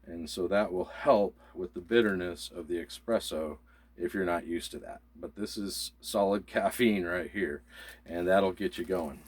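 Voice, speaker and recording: A man with a low, husky voice talks through supplies in a relaxed, casual chat. He explains each item step by step in an easygoing manner. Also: unhurried. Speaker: co-host of a prepping channel.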